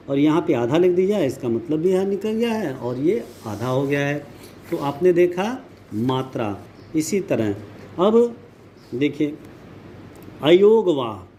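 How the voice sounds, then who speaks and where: A male teacher talks through a grammar lesson at an unhurried pace, repeating each example so students can follow. His voice sits a little high for a man but sounds mellow and soft-edged. A faint hiss runs under the recording. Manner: slow, explanatory, repeats words and examples for students. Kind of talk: classroom lesson.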